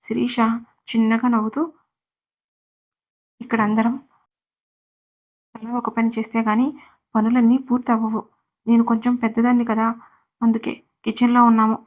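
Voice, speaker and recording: High, even-toned woman storyteller. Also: normal speed, long pauses. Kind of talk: narrating a serialized love story.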